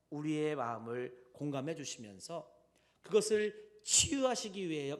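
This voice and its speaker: Man, pastor, Sunday sermon, lively rising and falling voice, fairly high pitch. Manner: animated preaching that swings between loud and soft; tells stories with addresses to the congregation.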